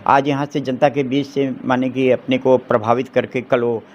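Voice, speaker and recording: This middle-aged advocate argues his political opinions forcefully in an interview, throwing out rhetorical questions and restarting phrases. He speaks at a medium pitch and moderate pace with a flat delivery. The highs in the recording are cut off.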